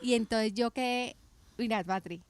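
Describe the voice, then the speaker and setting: A middle-aged woman with a bright, slightly high voice tells her story in a relaxed faith podcast conversation. She talks with energy and keeps restarting and correcting herself mid-sentence. The sound is close and dry, with no room echo. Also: normal speed, clear, resonant tone. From Colombia. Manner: animated storytelling with many restarts and self-corrections. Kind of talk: casual faith podcast chat.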